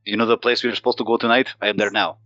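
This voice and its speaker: A man voicing a blunt shapeshifter adventurer who speaks in clipped, broken English and makes deadpan jokes, in a tabletop game podcast. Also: lowish voice, racing, no echo, dull audio, faint music behind, close to an everyday voice.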